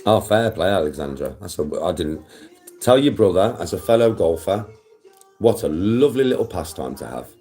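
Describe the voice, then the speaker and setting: A man's voice: low-pitched, lively intonation, normal speed, mellow, soft background music. A middle-aged man, casually chatting on a livestream, swearing freely and calling viewers bro. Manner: laid-back, swears freely, slangy, calls viewers bro. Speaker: livestream host reading chat.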